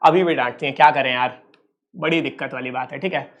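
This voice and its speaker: A man's voice: medium pitch, steady tone, brisk, fairly bright tone. Playful, teasing male physics teacher. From Uttar Pradesh, India. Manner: playful, teasing, addresses students as kids. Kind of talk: online exam-prep lecture.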